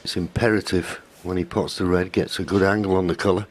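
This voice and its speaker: A man giving live snooker commentary in a hushed, measured delivery. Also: deep voice, fairly even intonation. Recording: clear crowd and hall noise. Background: snooker audience, ball clicks.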